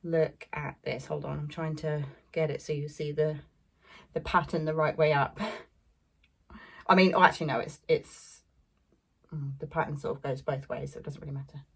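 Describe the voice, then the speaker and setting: A woman's voice: low-pitched, steady tone, moderate pace, gravelly, long pauses, breathy edge. A young woman chatting casually about fabric she bought, rambling with lots of fillers and little laughs. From England. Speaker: sewing vlogger. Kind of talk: casual fabric haul chat.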